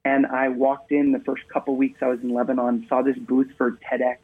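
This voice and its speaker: A guest from Maine, USA speaks in a husky, monotone, medium-pitched voice at a moderate pace during a casual radio interview. He tells stories in an upbeat way over a remote line that sounds tinny, like a phone.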